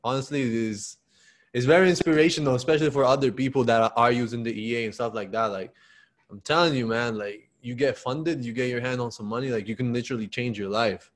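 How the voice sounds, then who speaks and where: A man's voice: mid-range voice, steady tone, fast. A man in his twenties who hosts a video call interview from an apartment, talking casually with a lot of "man" and "bro". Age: 20s. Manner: upbeat and encouraging, heavy use of "man" and "bro". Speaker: interview host. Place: apartment living room indoors. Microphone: video call setup.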